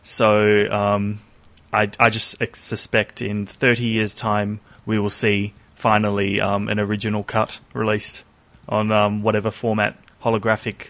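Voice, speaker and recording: Low-voiced man rambling about films. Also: monotone, measured pace, a bit bright. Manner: rambling, full of asides and self-corrections. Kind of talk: casual chat about films.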